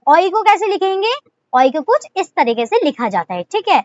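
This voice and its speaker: A woman's voice: very high voice, sing-song, normal speed, no room sound, lo-fi sound. A woman with an Indian accent teaching shorthand in a casual video lesson, explaining step by step and often asking the viewer questions she then answers herself.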